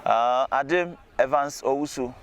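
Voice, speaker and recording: Young Ghanaian man, halting learner's Turkish delivery. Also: medium pitch, fairly bright tone, a little hiss or hum. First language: not Turkish. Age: young adult. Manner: halting, learner's speech with searching pauses. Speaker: international university student. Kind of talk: informal testimonial to camera.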